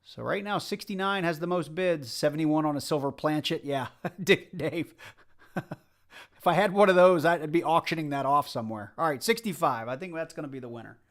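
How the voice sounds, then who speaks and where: Hunting coins on a livestream, a man with a light Southern US accent talks casually to his audience. He speaks briskly in a somewhat bright voice on the high side, rambling and chatting directly with the chat.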